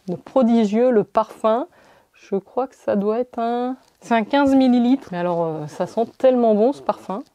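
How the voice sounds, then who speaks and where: A woman's voice: medium pitch, warm tone. A woman chatting casually as a beauty vlogger, showing off her gifts with enthusiasm and lots of small fillers. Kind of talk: casual product haul chat.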